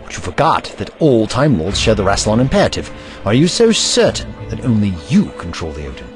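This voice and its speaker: A man's voice: on the low side, wildly swooping pitch, brisk, music in the background. A man playing a clever, earnest alien Time Lord hero in an audio drama, with precise, theatrical, formal diction. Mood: defiant calm.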